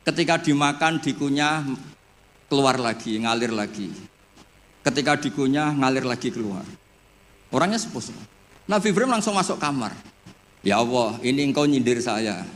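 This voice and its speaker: A man preaches in an easy, joking storyteller's manner at an ordinary middle pitch. His voice carries a long hall reverb, with faint ambience behind it. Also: slight background noise. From Indonesia. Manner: relaxed storytelling with jokes. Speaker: Islamic preacher. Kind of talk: humorous religious lecture.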